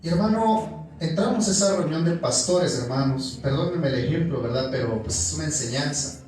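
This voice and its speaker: A young man with a Mexican accent preaches in a storytelling way, calling out to his listeners as brothers as he goes. His voice sits a little high for a man. It rings out in a very echoey church room, picked up from some way off the mic. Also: normal speed, darkish tone, distant mic. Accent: Mexican Spanish. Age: young adult. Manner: storytelling, calls the congregation "hermano" constantly. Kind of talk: sermon. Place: church hall.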